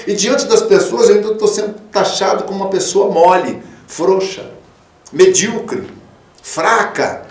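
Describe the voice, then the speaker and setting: High-pitched preaching man, roomy sound. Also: far from the mic. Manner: fatherly, calls listeners 'filho'; swings from loud emphatic peaks to soft low tones. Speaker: pastor. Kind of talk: radio sermon. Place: radio studio.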